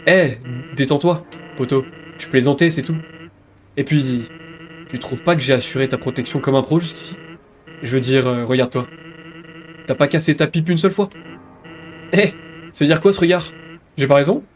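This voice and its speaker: A man's voice: mid-range voice, normal speed, long pauses, close to an everyday voice. A man reading aloud as a laid-back, joking male monster protector from a video game, in casual teasing slang.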